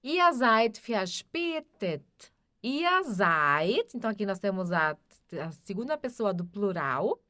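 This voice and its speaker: Brazilian lady teacher, patient, goes over every example twice, lively up-and-down voice, dry close mic. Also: mid-range voice, no echo. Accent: Brazilian Portuguese. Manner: patient, repeats example sentences slowly. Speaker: German teacher. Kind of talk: grammar lesson explanation.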